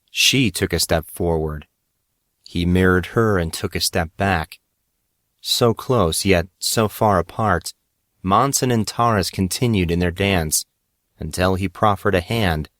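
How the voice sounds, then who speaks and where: This is a scripted fiction reading by a man whose low voice carries a fairly bright tone. He narrates in a deliberate, dramatic manner, and the dry recording has no room sound or echo.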